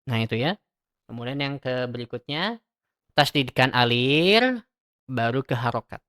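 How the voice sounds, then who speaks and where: A man's voice: mid-range voice, animated, unhurried, fairly bright tone, clear, resonant tone. A man teaching Quran reading in a recorded lesson, drilling Arabic letter sounds syllable by syllable and explaining where the tongue and mouth go.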